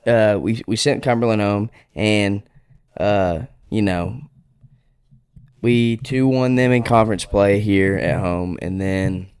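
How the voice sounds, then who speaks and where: Young man, podcast co-host, lowish voice, animated teasing chat. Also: slow pace, clean tone, no echo.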